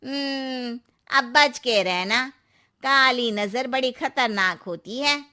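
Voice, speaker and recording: Cartoon neighbourhood auntie, performed by a woman: older, high voice, slow drawn-out cautions, knowing and ominous. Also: bright, forceful tone, full character voice. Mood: ominous warning. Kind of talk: Hindi moral-story cartoon acting.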